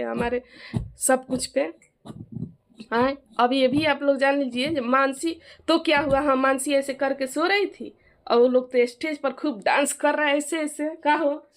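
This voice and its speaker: Woman, middle-aged, eastern Hindi accent, high voice, heated, insistent, aggrieved vlog talk. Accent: eastern Hindi of Jharkhand. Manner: heated, insistent, keeps asking others to back her up. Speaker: vlogger and mother of the bride.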